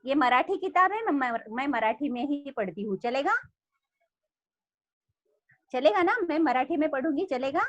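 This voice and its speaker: A woman's voice: high voice, lively intonation, normal speed, long pauses, dry recording, muffled recording. A woman leading an online teacher training session on a video call, reading storybook lines aloud expressively.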